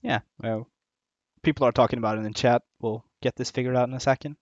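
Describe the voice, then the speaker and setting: A man keeps a quick pace and steady tone at medium pitch while casually commentating a live game stream, thinking aloud, laughing frequently and drifting off mid-thought. The dry, dull lo-fi audio comes from a headset or desk mic not on camera.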